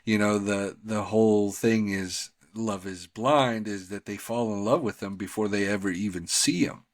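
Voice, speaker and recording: A man's voice: lowish voice, fairly even intonation, moderate pace, no echo, studio quality. A man co-hosting a podcast, talking casually about TV shows in a rambling, slangy, conversational way. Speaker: podcast co-host.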